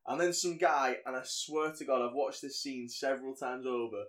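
A man chatting on a podcast, recapping a film scene by scene. He rambles and gets animated as he goes, with plenty of ums along the way. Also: medium pitch, moderate pace. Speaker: podcast co-host. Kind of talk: casual film recap chat.

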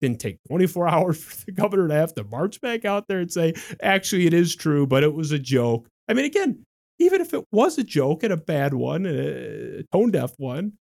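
A man's voice: high-pitched, vocal fry, a little mellow. A man hosting a talk show, delivering a sarcastic, exasperated political monologue and mocking the statements he reads out. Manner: sarcastic, exasperated, reads quotes aloud and mocks them. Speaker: podcast host.

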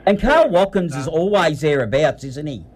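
A man's voice: on the high side, expressive, normal speed, slight background noise. An Australian man hosting a sports radio show, interviewing in a casual, matey, conversational way.

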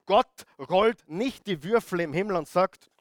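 A man's voice: high-pitched, measured pace, dry recording, clean studio sound. A middle-aged man preaching a sermon, stressing and repeating key words and firing questions at the audience.

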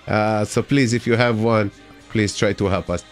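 A man hosting a casual community radio show, making improvised announcements with searching pauses. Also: lowish voice, steady tone, soft background music. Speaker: radio host.

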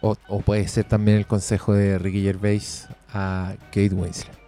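A man's voice: lowish voice, completely flat delivery, a little slow, mellow, soft background music. A man with a Chilean accent co-hosting a film podcast, blunt and given to short punchy remarks. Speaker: podcast co-host. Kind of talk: casual film chat.

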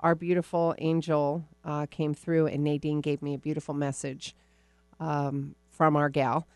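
A woman's voice: deep voice, level tone, a little slow, a little mellow, no room sound. A woman hosting a radio call-in show, chatty and effusive, full of endearments.

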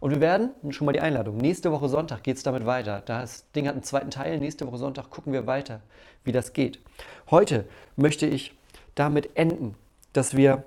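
A man's voice: mid-range voice, a little mellow. A male pastor giving a conversational sermon, acting out everyday stories as he goes.

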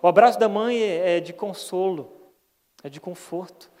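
A man's voice: sits high, normal speed, darkish tone. A man with a Brazilian Portuguese accent preaching a sermon in an earnest, folksy way, often asking for agreement. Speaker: pastor. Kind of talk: conversational sermon. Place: church hall. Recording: long church hall reverb.

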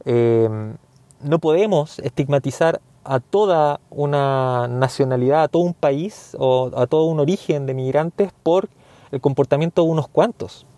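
A Chilean man speaks his mind in an earnest, indignant monologue, pausing often on hesitant fillers. His voice sits a little high but sounds mellow and relaxed. The recording is close and dry, with no room sound. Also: no room sound. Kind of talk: opinion monologue.

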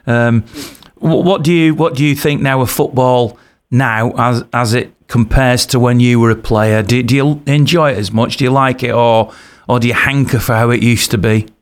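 A man's voice: mid-range voice, fairly even intonation, moderate pace. A male radio host chatting with a guest, stumbling a little over his questions. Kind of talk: casual interview.

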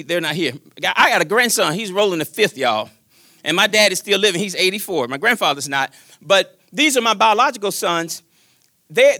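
Lively high-voiced preaching man. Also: no echo, studio quality. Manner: folksy, joking, swings between loud preaching and quiet asides. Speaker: pastor. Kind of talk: sermon.

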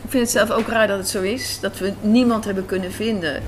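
Speaking briskly in a mid-range voice with fairly even intonation, this writer-director gives considered, chatty answers as an interview guest, pausing to find her words. The recording is noisy, captured on location at a café and square in Amsterdam amid city sounds.

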